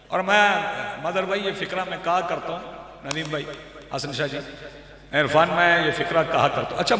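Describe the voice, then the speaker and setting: Pakistani urdu preacher guy, really high piercing voice, long echo off the walls like a big hall. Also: bright, forceful tone. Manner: addresses listeners by name, rising to emphatic recitation. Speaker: Shia cleric giving a majlis. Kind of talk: sermon. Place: large outdoor gathering with PA. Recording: echoey, reverberant public address sound.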